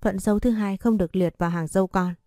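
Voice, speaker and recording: A woman voicing a calm, shrewd and caring old nanny in a spoken story. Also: medium pitch, quick pace, dry recording, clean studio sound, faint music behind, lightly acted. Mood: calm cutting. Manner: calm and cutting.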